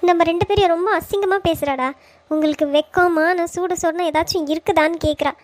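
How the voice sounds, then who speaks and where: A woman's voice: very high voice, steady tone, brisk, no room sound. A woman voicing a hurt mother in a Tamil cartoon, talking in an emotional, pleading way. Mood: upset.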